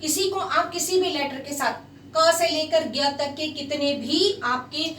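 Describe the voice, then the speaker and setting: High-pitched lady teaching hindi, slow and patient, faint hiss behind. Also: a bit bright. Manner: patient, repeats sounds slowly and switches into English. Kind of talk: slow spoken language lesson. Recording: echoey room, voice a bit far from the mic, faint hiss.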